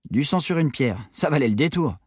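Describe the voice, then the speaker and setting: Brief: male reader voicing a sarcastic teenage girl, dry and mocking, husky edge, lively pitch. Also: brisk, no room sound. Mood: blasé.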